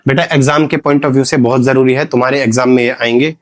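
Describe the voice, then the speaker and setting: A man's voice: mid-range voice, fairly even intonation, brisk. A man with an Indian accent teaching an English grammar lesson, explaining in Hindi, giving English examples and quizzing his students as he goes. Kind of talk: classroom lesson.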